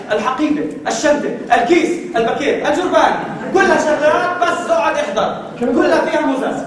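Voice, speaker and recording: A Jordanian man with a Jordanian Arabic accent doing stand-up as an escalating, exasperated comedy rant, animated and acting out little exchanges. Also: extremely high pitch. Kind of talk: stand-up comedy routine to a live audience. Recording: echoey, noisy live recording from a distance.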